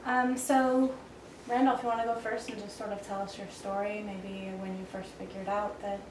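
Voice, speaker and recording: A woman hosting a podcast, speaking in a steady, even manner as she introduces the show and her guests. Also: medium pitch, moderate pace, background noise. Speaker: podcast host.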